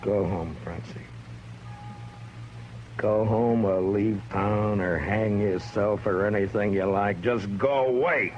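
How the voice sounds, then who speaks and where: A very low-voiced, stern US marshal in an old radio western. He sounds weary and authoritative, with a tender side. The recording is dull and plainly noisy. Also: takes it slowly, darkish tone. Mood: bitter, angry. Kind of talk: 1950s radio drama acting.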